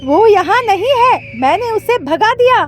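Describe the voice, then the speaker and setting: A woman voicing a greedy, scheming male crow in a cartoon, with a shrill, boastful manner. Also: big pitch swings, measured pace, a little hiss or hum, exaggerated voice. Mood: indignant.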